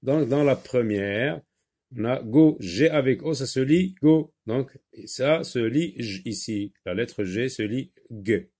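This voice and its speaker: Slow, patient male phonics teacher. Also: mid-range voice, expressive, darkish tone. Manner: slow, patient, repeats words and syllables. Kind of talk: French phonics lesson for children.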